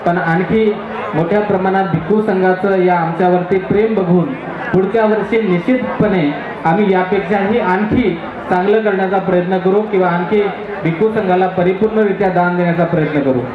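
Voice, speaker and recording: High-voiced man announcing over a PA. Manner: directive, instructing the crowd. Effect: voice over a PA loudspeaker. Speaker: event organizer and announcer. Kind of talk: public announcements at a ceremony. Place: outdoors at a large gathering. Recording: echoey muffled outdoor PA with loud crowd.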